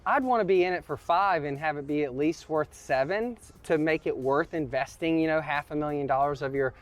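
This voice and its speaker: Real estate host explaining prices. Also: male voice, fairly high pitch, brisk. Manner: joking, explains prices at length. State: out of breath after climbing. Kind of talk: walkthrough commentary.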